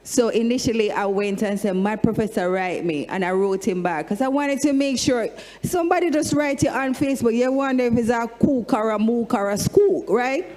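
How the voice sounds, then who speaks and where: A Jamaican woman, a singer on a discussion panel, telling animated stories and breaking into sung lines. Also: a little high, normal speed, hardly any pauses. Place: large hall with an audience. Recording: long hall reverb.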